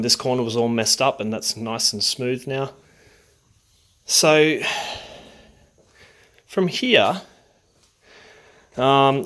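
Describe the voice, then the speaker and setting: A man's voice: medium pitch, fairly bright tone. A man talks plainly about a car project, his speech loose and full of ums and restarts. He sounds a bit winded from sanding. Faint music plays under his voice. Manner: rambling, many ums, plain-spoken. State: out of breath. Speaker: home car restorer. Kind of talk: casual workshop vlog. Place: home garage.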